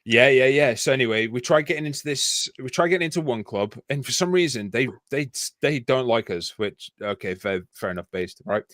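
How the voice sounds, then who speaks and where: A man's voice: mid-range voice, animated, brisk, hardly any pauses, fairly bright tone, no echo. A man with a Yorkshire accent telling a long, rambling anecdote in casual chat, laughing and swearing often. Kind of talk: casual storytelling.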